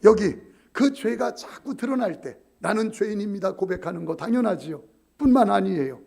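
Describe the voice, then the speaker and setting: A man's voice: high-pitched, moderate pace, vocal fry, breathy edge. A middle-aged male pastor preaching a sermon. He jokes with the congregation and at times drops to a whisper. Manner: animated, joking with the congregation, then dropping to whispers.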